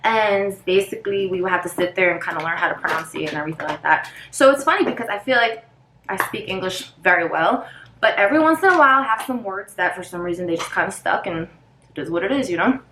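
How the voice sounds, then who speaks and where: A vlogger in her thirties whose first language is Spanish chats through a get-ready-with-me video while doing her makeup, rambling and sometimes losing her place. Her mid-range voice is animated, quick, bright, and forceful. The low-quality recording has an echoey room and slight background noise.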